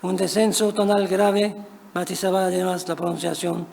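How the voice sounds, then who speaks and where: A man with a high, gravelly voice reads a prepared academic paper in a measured, even tone. His delivery stays flat and careful, and he sometimes corrects himself. He is heard in a reverberant conference hall with faint noise behind him. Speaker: conference speaker.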